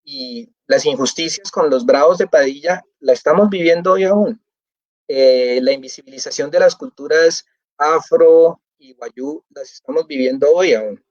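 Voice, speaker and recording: A man, a novelist being interviewed, speaking thoughtfully and pausing with fillers as he searches for words. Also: on the high side, no room sound. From Colombia. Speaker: novelist guest. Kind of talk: reflective festival interview. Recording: dry, dull lo-fi audio.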